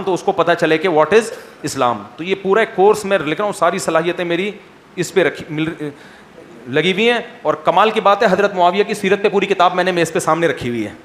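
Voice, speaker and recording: A man with a Pakistani Urdu accent answering audience questions in a lively, teasing manner full of rhetorical questions. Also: high-pitched, slight background noise. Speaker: Islamic scholar answering questions.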